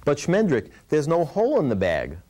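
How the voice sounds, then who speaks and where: A man's voice: a little high, wildly swooping pitch, moderate pace, a little mellow. A man hosting a puppet show as the ventriloquist straight man, asking questions in a patient, instructive way. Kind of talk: scripted puppet show patter.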